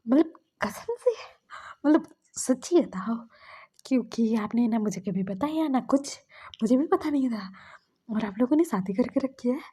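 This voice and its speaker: A woman's voice: a little high, animated, measured pace, mellow, husky. Woman voicing an eager, curious young friend.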